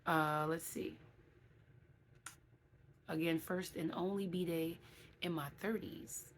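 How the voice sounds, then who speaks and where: A woman's voice: fairly low pitch, fairly even intonation, slow, slight background noise. A woman in her late thirties giving a casual vlog update, chatty and reading from her own notes with asides. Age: 30s. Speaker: vlogger.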